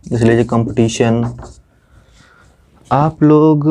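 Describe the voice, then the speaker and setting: Teacher type, a man explaining pronunciation at a whiteboard, mellow tone, repetitive checking-in style. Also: mid-range voice, steady tone, slow pace. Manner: repeats "theek" as he explains, addressing students. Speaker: English grammar teacher. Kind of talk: classroom lesson at a whiteboard.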